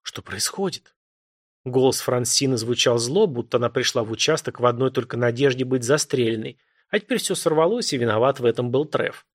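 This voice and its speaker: A man narrating an audiobook with measured, dramatic storytelling. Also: medium pitch, no room sound, studio quality. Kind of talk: scripted narration.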